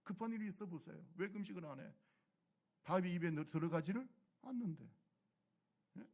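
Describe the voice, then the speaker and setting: A male pastor preaching a sermon who keeps asking the congregation questions and has them repeat phrases after him, dropping to low murmurs and then rising to loud exclamations. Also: a little fast.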